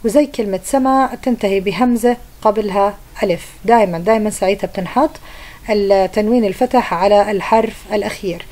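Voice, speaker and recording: A woman's voice: medium pitch, fast, darkish tone. A young woman teacher, patiently explaining a grammar lesson to pupils and often checking that they follow.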